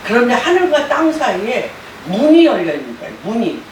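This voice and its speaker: Woman, pastor, sermon, animated preaching, high voice, wide pitch swings, echoey room. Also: a little fast, slight background noise. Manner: animated preaching, rising to loud exclaimed quotes. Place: church sanctuary. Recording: roomy sound from a distant mic.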